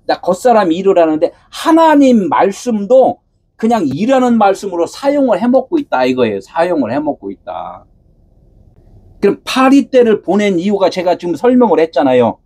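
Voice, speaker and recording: A pastor preaching a sermon, asking his listeners questions and answering them himself, at times raising his voice to a shout. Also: high-pitched. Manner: asks the congregation rhetorical questions and answers them.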